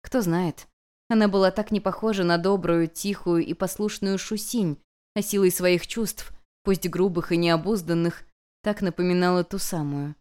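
A woman reading a fantasy story aloud as an audiobook narrator, in an expressive, flowing manner. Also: on the low side, moderate pace, smooth.

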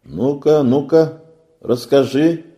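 A man voicing a sailor who questions urgently and gives quick, practical orders. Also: fairly low pitch, animated, gravelly, dark tone. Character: inquisitive male sailor, hurried, practical.

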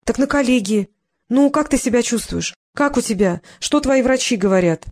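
A woman's voice: on the high side, expressive, normal speed, a little mellow, no echo, clean studio sound, pitched above the performer's own voice. A woman doing a fussing, chattering old secretary. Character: fussy chattering older female secretary.

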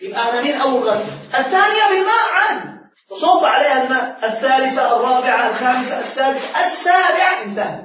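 A sheikh with a very high, expressive voice lectures briskly, asking his class questions and answering them himself. He's captured from a distance in a very echoey room, and the recording sounds dull and lo-fi with faint noise beneath.

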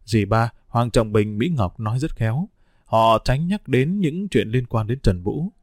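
A man reading a story aloud, measured and even, his voice in a mid register. The recording is dry and close, with no room sound. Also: medium pitch, no room sound. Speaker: narrator. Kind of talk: audiobook story narration.

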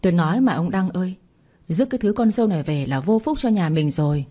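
A woman's voice: fairly low pitch, expressive, fast talker, mellow. A woman voicing an angry older mother-in-law who wails and scolds, read in a storybook telling. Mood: outraged. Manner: wailing, scolding.

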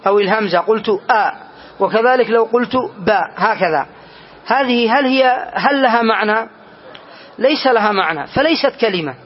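Male grammar teacher, very high voice, patient classroom delivery that repeats key points, muffled lo-fi lecture recording. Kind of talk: classroom lesson. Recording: dull lo-fi recording.

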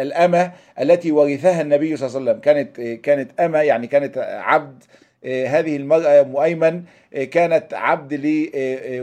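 Egyptian guy teaching a religious lesson, kinda high voice, talks super fast, asks himself questions. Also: warm tone. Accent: Egyptian Arabic. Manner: switches between classical recitation and colloquial explanation; rapid, thinking aloud with rhetorical questions. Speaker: preacher. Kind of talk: religious lesson explaining a hadith.

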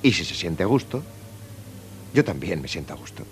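A man's voice: low-pitched, big pitch swings, moderate pace, faint music behind. An actor playing a sincere, sentimental, friendly young male filmmaker in a dubbed film comedy. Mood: gentle, sincere.

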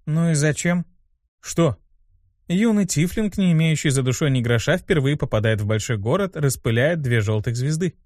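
Brief: sultry succubus recruit, a man putting her on, raised pitch, hushed whisper, teasing, audiobook. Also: very animated, moderate pace, hardly any pauses, dry recording, clean studio sound.

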